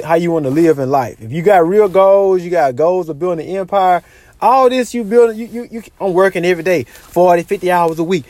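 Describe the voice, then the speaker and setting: A man with a notably high speaking voice talks his listeners through money advice in a casual monologue. He lectures and circles back to the same points again and again. The sound is close and dry. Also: a little mellow, dry recording. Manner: repetitive, lecturing, says "you know what I'm saying" a lot.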